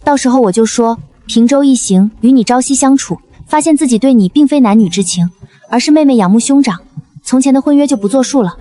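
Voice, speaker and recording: An actress playing a firm, sharp-tongued young noblewoman in a costume romance drama, talking briskly and scolding. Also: sits high, close to an everyday voice. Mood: calm.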